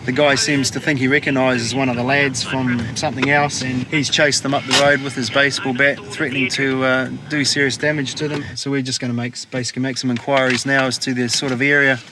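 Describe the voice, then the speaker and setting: A policeman with a New Zealand accent speaks informally at a middle pitch, briefing on the job. Clear outdoor vehicle noise surrounds him. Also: flat delivery, a little fast, few pauses. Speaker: police officer. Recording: noisy outdoor traffic.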